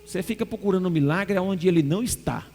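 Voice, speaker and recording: A male pastor with a high voice preaches in a large church. He tells his story with animation and acts out the lines of the people in it. His voice carries a long reverb, and soft music plays underneath. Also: fast. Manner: animated storytelling, acting out dialogue. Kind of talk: sermon with personal testimony.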